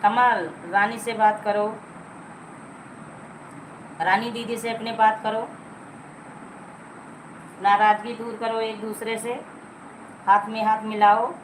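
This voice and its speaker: A woman's voice: fairly high pitch, level tone, slow pace, pauses often, slight background noise, low-quality recording. A middle-aged woman hosting a casual live stream, chatting with viewers, teasing them and coaxing them to like and comment. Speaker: livestream host.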